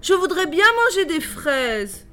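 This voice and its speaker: A woman's voice: high-pitched, expressive, a little slow, fairly bright tone, faint music behind, pitched above the performer's own voice. A woman voicing a spoiled little girl who whines and sobs for what she wants. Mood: whiny. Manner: whining and tearful.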